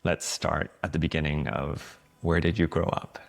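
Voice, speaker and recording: A man's voice: a bass voice, flat delivery, moderate pace, vocal fry. A man hosting a podcast, asking loose rambling questions and laughing often. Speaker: podcast host. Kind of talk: casual interview hosting.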